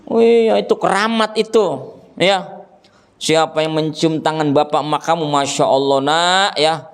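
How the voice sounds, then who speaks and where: A man preaching a religious lesson to a gathering, animated and joking with the audience, acting out scolding parents. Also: on the high side, a little slow, clean tone. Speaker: ustadz teaching a religious study group. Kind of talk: sermon. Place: gathering with children and fathers present.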